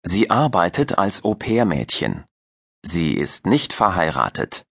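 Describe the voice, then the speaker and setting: A man narrating a scripted audio language lesson in a slow, clear, didactic way. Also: low voice, sing-song, a bit bright, no room sound, clean studio sound. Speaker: language-course narrator and teacher.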